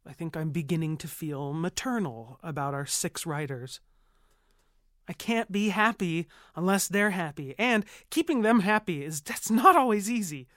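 A woman's voice: lowish voice, lively intonation, normal speed, fairly bright tone, no echo, clean studio sound. Woman playing a motherly, upbeat producer. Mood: reflective. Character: earnest woman producer, motherly to her writers. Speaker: producer and narrator. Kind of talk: audio drama acting with narration.

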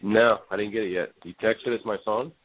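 A man's voice: on the low side, steady tone, brisk, background noise. A man co-hosting a fishing talk show, calling in on a speakerphone, chatting easily with lots of fillers. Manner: easygoing, many fillers and restarts. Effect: on speakerphone over a phone line. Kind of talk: casual fishing chat and reading a report aloud. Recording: tinny echoey speakerphone call.

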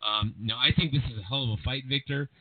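A man hosting a boxing podcast, talking in a rambling, animated way with lots of restarts and fillers, with a General American accent. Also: medium pitch, quick pace. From California. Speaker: podcast host. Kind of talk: casual boxing podcast chat. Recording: tinny phone-like line, dry.

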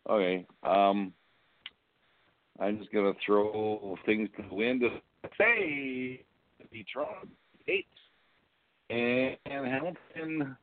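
A man's voice: fairly low pitch, slow, long pauses. A man chatting casually as a sports show panelist whose audio glitches and keeps cutting out, speaking hesitantly and trailing off. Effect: glitching audio, mic cutting in and out. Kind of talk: casual sports chat on a call. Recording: thin phone-like, dry online call.

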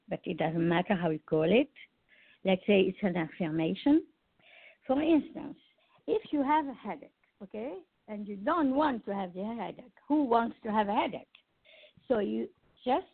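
A woman instructor explains a technique step by step at a very slow pace. She speaks in short, deliberate phrases with pauses between them. The sound is thin and narrow, like a phone line. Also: medium pitch, gravelly, slightly rough. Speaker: EFT tapping instructor. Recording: tinny, phone-like audio.

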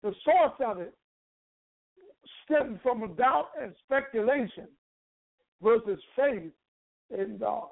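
A preacher with a hoarse, frog-like croaky voice, teaching a sermon in emphatic, deliberate short phrases with rhetorical repetition. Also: medium pitch, lively intonation. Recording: narrow, phone-like sound.

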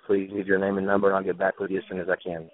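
A man's answering machine message played down the phone. His voice is deep and very flat, and he rattles it off at great speed. It comes through a thin, tinny phone line. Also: very fast. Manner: rattled-off recorded greeting. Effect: personal answering machine greeting over a phone call.

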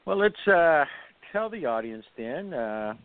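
A man's voice: on the high side, very animated, measured pace. A man hosting an interview show, reading a scripted introduction and then talking casually with his guest. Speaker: host. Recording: phone-like sound with faint music.

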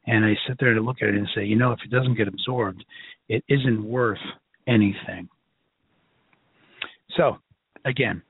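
Male lecturer, Brooklyn accent. Rough-edged voice, conversational and emphatic teaching style, dry telephone-band recording. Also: mid-range voice, no echo. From Brooklyn, New York. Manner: emphatic, conversational, folksy, checks in often. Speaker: lecturer, health educator. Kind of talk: informal lecture to a class. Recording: narrow phone-like line.

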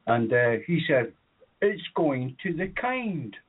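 This Scottish comedy radio co-host has a sing-song, slightly rough voice on the high side and speaks slowly. He tells long, meandering childhood anecdotes packed with fillers, laughing at himself, in podcast audio that sounds tinny and phone-like.

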